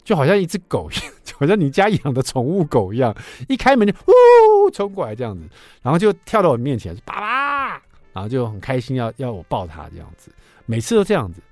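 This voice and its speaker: A man, hosting a radio show and telling a story in a chatty, lively way. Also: mid-range voice, fast, no echo, soft background music. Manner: lively, chatty, asks listeners for agreement. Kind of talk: casual storytelling on talk radio. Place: radio studio.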